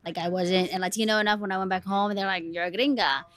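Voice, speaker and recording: A woman's voice: medium pitch, fast talker, a bit bright. A young woman in a casual interview, talking loosely with frequent fillers.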